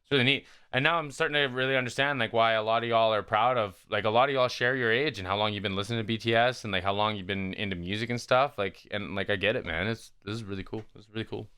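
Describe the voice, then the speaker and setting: A man talking through a reaction video in a relaxed, rambling way, leaning on "like" and "man". His voice sits a little low, yet it rings bright and comes through smooth and clean. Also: quick pace, few pauses. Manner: laid-back, musing, says "like" and "man" a lot. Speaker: YouTube reaction host. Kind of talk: casual reaction commentary.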